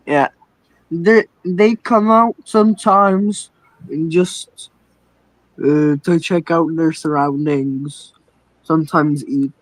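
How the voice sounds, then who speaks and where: A young man speaks slowly and hesitantly, often pausing to find his words as he asks questions on a live stream. His voice sits a little high and sounds close and dry. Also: no echo, rough recording. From Czech Republic. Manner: hesitant, many fillers and restarts, asks questions. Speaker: caller. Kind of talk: live-stream casual chat.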